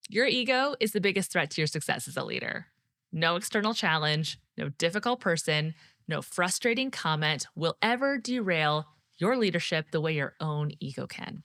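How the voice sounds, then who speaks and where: A woman in her thirties hosts a leadership podcast, speaking to listeners as friends. Her voice sits a little low yet sounds bright and forward. The recording is close and dry. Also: expressive, normal speed, dry recording. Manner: warm direct coaching, speaks to the listener as friend. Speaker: podcast host and leadership coach. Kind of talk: scripted solo podcast teaching.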